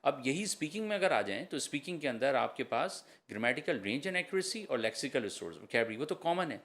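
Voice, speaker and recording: A man's voice: medium pitch, a bit bright. Man explaining at length. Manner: explanatory, mixes English terms into Urdu. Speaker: IELTS trainer. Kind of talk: podcast interview answers.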